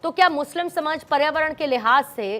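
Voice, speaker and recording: A high-pitched woman runs a televised debate from the studio. She interrupts, repeats her questions and pushes the guests for direct answers. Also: a little fast, a bit bright. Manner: insistent, repeats questions and cuts in. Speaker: news debate anchor. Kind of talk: moderating a heated TV debate. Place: TV news studio.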